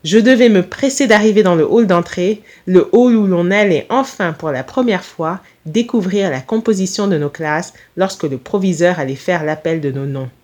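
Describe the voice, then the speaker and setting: Woman calmly reading a short story. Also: fairly low pitch, moderate pace, hardly any pauses. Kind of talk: scripted first-person story reading.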